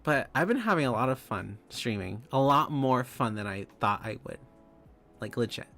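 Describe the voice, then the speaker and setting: A man's voice: mid-range voice, expressive, normal speed, fairly bright tone, faint music behind. Giggly rambling young male streamer. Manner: giggly and rambling, laughs often, many restarts. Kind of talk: casual live-stream chat reading viewer comments.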